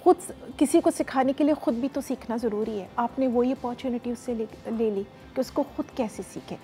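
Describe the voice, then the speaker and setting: A woman psychologist with a Pakistani accent, explaining in a measured way and mixing English phrases into her Urdu, on a TV morning show. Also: on the high side, dark tone, soft background music. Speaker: psychologist guest. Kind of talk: studio interview. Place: TV studio.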